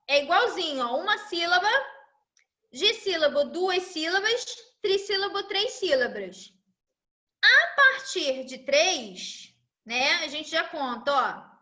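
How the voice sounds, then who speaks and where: A woman's voice: high-pitched, bright, forceful tone. A woman teacher, giving a chatty live class and checking in with tag questions.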